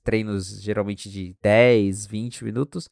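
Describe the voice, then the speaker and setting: A man co-hosting a podcast in casual tech chat, animated and chatty, acting out little dialogues with friends. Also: fairly low pitch, slow, vocal fry, dry recording, studio quality. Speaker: podcast co-host.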